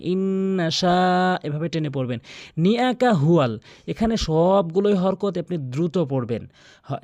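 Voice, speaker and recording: Guy teaching recitation rules, fairly high voice, dry close sound, repeats each sound slowly. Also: darkish tone, no echo. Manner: explains rules step by step, repeats sounds for practice. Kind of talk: tutorial lesson with recitation examples.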